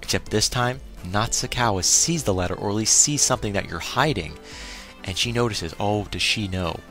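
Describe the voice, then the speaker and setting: Man, lowish voice, casual anime episode recap, opinionated, faint music behind. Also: moderate pace, a bit bright. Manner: opinionated, exclaiming reactions. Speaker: anime reviewer.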